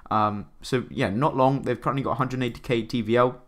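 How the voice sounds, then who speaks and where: A man's voice: medium pitch, steady tone, a little fast. A man hosting a casual screen-share review, rambling with many fillers and restarts and often tagging "right?" onto his points. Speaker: crypto channel host.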